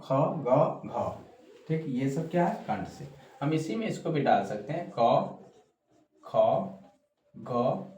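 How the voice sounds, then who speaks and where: Slow, patient man teaching in an echoey room. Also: medium pitch, darkish tone. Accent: Bihari Hindi. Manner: slow, repetitive, frequent "ठीक" check-ins. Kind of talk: casual exam-prep lesson. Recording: roomy echo, faint background noise.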